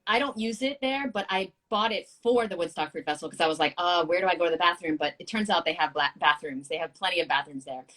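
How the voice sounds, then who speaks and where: A woman in her thirties hosting a casual live-stream chat, excitable and quick to laugh, swearing casually. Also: fairly low pitch. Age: 30s. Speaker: show host.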